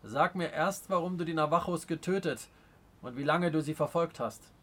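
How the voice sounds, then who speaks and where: A man reading aloud as a proud, stern chief in a storybook, speaking with slow, weighty scorn. The voice sits a touch high for a man. It sounds commanding rather than shouted. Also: lightly acted. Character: proud stern adult male Native chief. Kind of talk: audiobook character reading.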